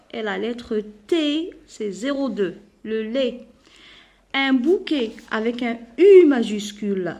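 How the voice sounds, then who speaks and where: A woman teacher with an Algerian accent, giving a French lesson to children. She spells out words slowly and carefully, asks questions, and answers them herself. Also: a little high, a little mellow. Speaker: primary school teacher.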